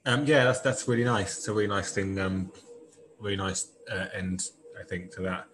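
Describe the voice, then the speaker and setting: A man hosts a podcast in a relaxed, halting way, repeating himself as he closes out the episode. His voice sits low, with faint background noise behind it. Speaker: podcast host. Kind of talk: casual chat.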